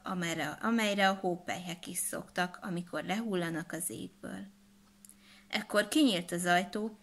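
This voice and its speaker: A woman narrating a children's storybook in a calm, even storytelling manner. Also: lowish voice.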